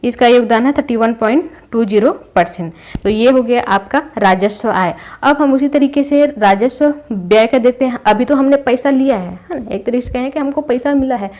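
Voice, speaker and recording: A young woman with a Chhattisgarh Hindi accent and a somewhat high voice teaches an exam-prep class. She explains patiently and often checks that her listeners are following. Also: normal speed, darkish tone. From India. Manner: explains patiently with everyday examples, fillers and check-ins.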